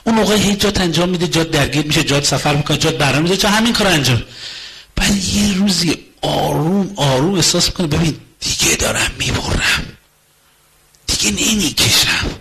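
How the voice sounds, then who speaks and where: A man with a slightly high, husky voice talks through a marriage in conversational lecture style. He repeats phrases for rhythm and slips into acting out both husband and wife in rapid exchanges, with a forceful edge to his delivery. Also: poor audio. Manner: acts out both spouses in quick dialogue. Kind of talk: lecture on relationships.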